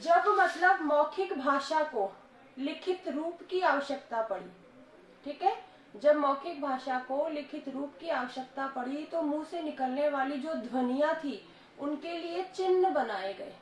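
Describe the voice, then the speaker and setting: A woman teaching a grammar lesson to a school class, scolding and coaxing quiet pupils to answer. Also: sits high, animated, measured pace. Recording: echoey classroom with faint noise.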